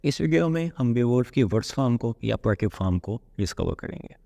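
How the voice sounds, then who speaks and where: A man with a Pakistani accent teaching literature, switching between Hindi-Urdu and English and alternating quick runs with slow, stressed phrases. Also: mid-range voice, animated, creaky, warm tone, in a large hall. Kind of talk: lecture.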